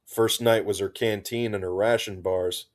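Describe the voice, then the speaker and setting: A man's voice: lowish voice, fairly even intonation, moderate pace, close to an everyday voice. A man voicing a sardonic woman major leading a military squad, speaking drily. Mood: wry.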